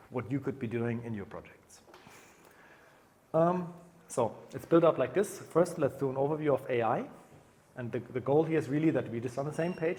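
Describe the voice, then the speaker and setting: A man's voice: medium pitch, darkish tone, slight background noise. Man giving a casual conference talk. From Germany. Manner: casual, many fillers and restarts. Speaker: conference speaker. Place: conference room.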